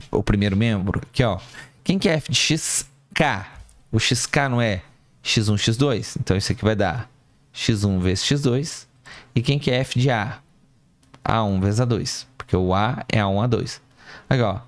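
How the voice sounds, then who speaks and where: A man's voice: lowish voice, dry recording. A man teaching mathematics, walking through a calculation step by step, asking himself questions and correcting small slips as he goes. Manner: talks students through each step, asking and answering himself. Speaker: math professor. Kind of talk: lecture at a board.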